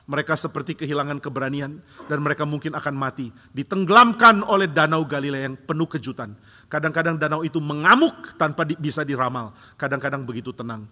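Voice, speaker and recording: Bright-voiced male pastor in a reverberant hall. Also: a little high, fast. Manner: lively storytelling, acts out quoted voices with sudden loud jumps. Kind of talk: sermon. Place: large church sanctuary. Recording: church hall with long reverb.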